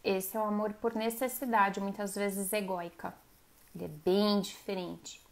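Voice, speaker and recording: A woman's voice: mid-range voice, steady tone, moderate pace. A woman hosting a live stream. She gives a casual motivational talk and speaks straight to her viewers. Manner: conversational, addresses viewers directly and acts out quoted voices.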